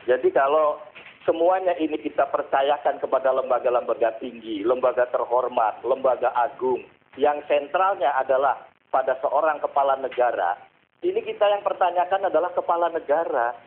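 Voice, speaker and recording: A man's voice: medium pitch, normal speed, a little hiss or hum. A man calling in to a talk show by phone, making an emphatic case with rhetorical questions. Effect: phone-line caller heard through a call-in line. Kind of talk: impassioned call-in commentary. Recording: tinny phone line.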